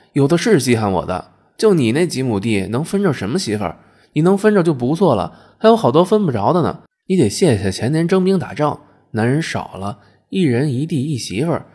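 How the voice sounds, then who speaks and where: A man voicing a ragged old peasant wife who nags and swears at her husband in a loud tirade. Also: medium pitch, breathy edge.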